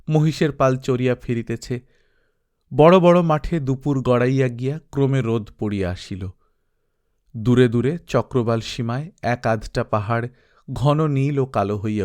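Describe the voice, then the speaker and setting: A man reads a literary story aloud as an audiobook, expressive and reflective, using dramatic pauses. His voice sits in the mid range and is a little mellow.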